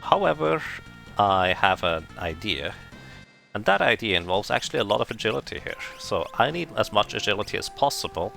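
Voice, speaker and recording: Streaming a game, a man chats casually and thinks aloud in a lowish, gravelly, bright voice with big pitch swings, a forceful tone and a fairly quick pace. A substitute microphone makes him sound tinny and canned, like a tin can, and faint music plays behind him.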